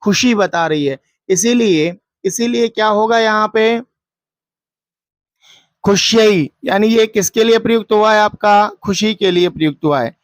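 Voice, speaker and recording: A woman Sanskrit teacher going through an exam paper, posing questions and answering them herself, and chanting verses slowly. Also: mid-range voice, dry recording. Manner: asks and answers her own questions; recites verses in a slow chant. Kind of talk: exam paper walkthrough lesson.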